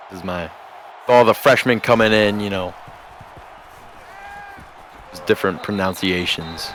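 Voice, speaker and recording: A man giving play-by-play commentary on a video game football stream, measured and steady, rising to shouts on big plays. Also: lowish voice. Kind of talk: sports commentary.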